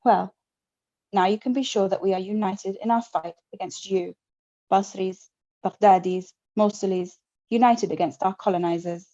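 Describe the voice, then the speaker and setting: A woman reads aloud the lines of a defiant male rebel orator, rallying a crowd with a fiery, rousing speech. Her voice is mellow and warm, medium-pitched, at normal speed and close to an everyday voice. The audio sounds dull and lo-fi.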